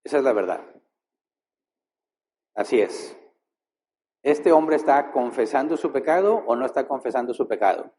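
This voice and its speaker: A man preaching a sermon as pastor, posing rhetorical questions and shifting his pace and loudness for effect. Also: mid-range voice, slight background noise.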